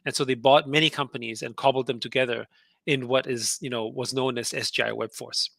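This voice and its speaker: A middle-aged guest entrepreneur from Austria, a native German speaker, tells his story casually in an interview, chatty and laughing often, with many fillers and restarts. His medium-pitched voice is creaky and fairly bright, a little fast with fairly even intonation, and recorded with no room sound.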